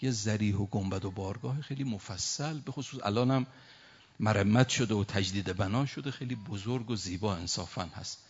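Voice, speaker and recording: A man preaching a religious sermon, reciting Arabic verses slowly and then explaining them with rising emotion. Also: on the low side, husky. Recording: dull lo-fi recording.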